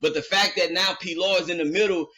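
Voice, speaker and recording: A man's voice: high voice, fast talker. A man hosting a podcast, telling a long story in a loose, rambling way with lots of fillers and acted-out quotes. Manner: animated retelling, acting out quoted dialogue. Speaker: podcast host. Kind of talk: casual storytelling.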